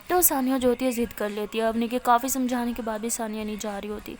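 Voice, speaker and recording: A woman's voice: fairly high pitch, steady tone, a little mellow. A woman narrating a serialized love story in a chatty, casual retelling style that leans on repeated set phrases.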